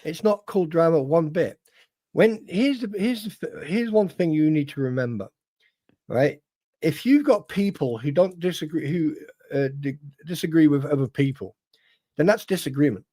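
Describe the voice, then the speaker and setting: Male host, fired-up livestream talker who restarts often, slightly high voice. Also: animated, moderate pace, mellow. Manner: emphatic, swears, many restarts. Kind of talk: casual livestream chat.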